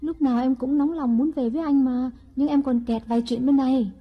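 A woman voicing a scheming young wife in an audiobook story, speaking in a sweet, deliberate way. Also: high-pitched, fairly even intonation, slightly rough, dull audio. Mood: coaxing. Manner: sweet-talking, slow and deliberate. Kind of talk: audiobook character reading.

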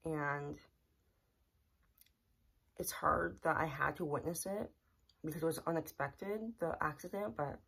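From a small bedroom, a young female vlogger talks earnestly and plainly, repeating herself, to a camera right in front of her. Her deep, gravelly voice is measured, with frequent pauses, a fairly bright tone and a breathy edge.

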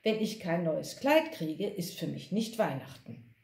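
A woman's voice: lowish voice, big pitch swings, unhurried, creaky, darkish tone, echoey room, exaggerated voice. A woman voicing a vain peacock who demands a new dress.

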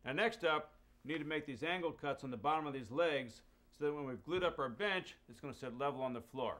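A middle-aged woodworker hosts a woodworking tutorial from his indoor workshop, talking fairly quickly in a fairly high, somewhat bright voice. His explanations are clear and methodical, with a mild note of enthusiasm.

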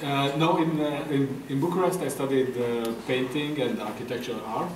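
Middle-aged guy from romania, halting speech with lots of ums, echoey room, faint hum behind. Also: mid-range voice, fairly even intonation. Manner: soft-spoken, hesitant, many fillers. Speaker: guest artist. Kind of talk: interview at a festival talk. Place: room with a table, audience. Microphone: table mic on stand. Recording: echoey room, far from mic.

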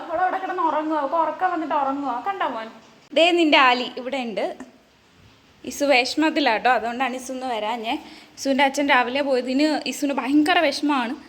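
Woman pet vlogger at home, high bright voice, sing-song baby talk to her animals, quieter asides to viewers. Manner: narrates to viewers in a softer, lower voice. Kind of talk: casual vlog talk to pets.

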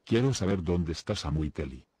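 A man reading the lines of a young girl who questions another child in a calm, threatening way. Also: deep voice, normal speed, husky. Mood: coldly threatening. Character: cold, menacing little girl interrogating another. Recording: music playing behind the voice.

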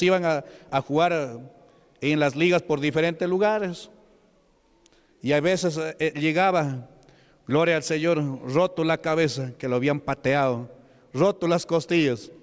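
A man with a Peruvian Spanish accent preaching a fervent sermon, scattering interjections of praise and slowing down and rising in pitch for emphasis. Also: smooth. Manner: slows and rises for emphasis. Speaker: pastor. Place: church hall. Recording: reverberant church hall.

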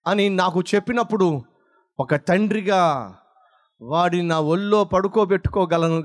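Male pastor, high voice, dramatic sermon delivery with big pitch drops. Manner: dramatic, acts out dialogue, big swings between high and low.

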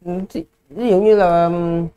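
A man's voice: sits high, fairly even intonation, slow, dark tone, smooth, highs cut off. A male Buddhist monk answering a Dharma question, explaining patiently and addressing his listeners politely. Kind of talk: Dharma Q&A teaching.

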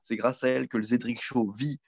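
A man's voice: medium pitch, steady tone, a little fast, creaky, husky, dry recording. A man hosting a casual live web show from home, chatty and repeating himself, full of fillers. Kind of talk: casual live-stream chat.

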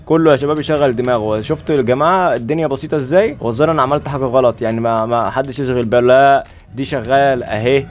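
A man's voice: medium pitch, rapid-fire. A young man with an Egyptian Arabic accent doing joking, chatty let's play commentary, constantly talking to his viewers. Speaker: gaming YouTuber. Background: game music.

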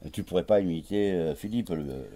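A man hosting a local radio show, lively and emphatic as he questions his guest. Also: low-pitched, a little fast. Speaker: radio host. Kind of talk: casual radio chat.

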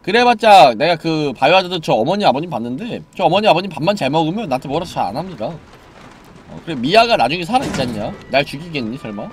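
A man streaming a horror game live, chatting and joking with viewers, dropping to mumbles and then yelling in excitement. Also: fairly high pitch, quick pace, slight background noise.

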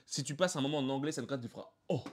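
A man's voice: mid-range voice, rapid-fire, background noise. A man with a French accent, streaming and chatting casually with crude, teasing jokes.

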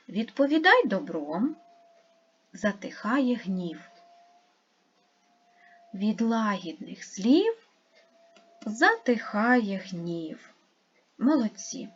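A woman gives a children's lesson in a slow, deliberate way, spelling out each sound and syllable. Her voice is slightly husky and rises and falls a lot. The recording is a little dull and lo-fi. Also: on the high side. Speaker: primary school teacher. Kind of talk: online lesson for young pupils.

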